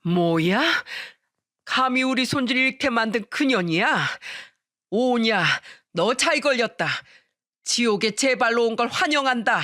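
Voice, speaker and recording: A woman voicing a fierce older mother-in-law who scolds and shouts. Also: mid-range voice, fairly even intonation, normal speed, clean tone, no room sound, clean studio sound, natural voice. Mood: furious.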